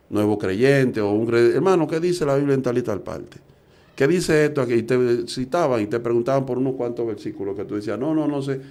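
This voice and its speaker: With a medium-pitched, slightly mellow voice, a middle-aged man from the Dominican Republic delivers an evangelist's sermon, earnest and full of rhetorical questions.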